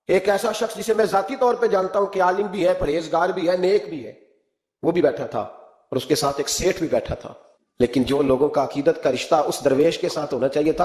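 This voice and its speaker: A man's voice: a little high, darkish tone, roomy sound. A man delivering an impassioned sermon as a cleric, telling stories and acting out quoted speech. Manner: impassioned, rising into emphatic rhetorical questions; storytelling, acts out quoted speech. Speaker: Islamic cleric.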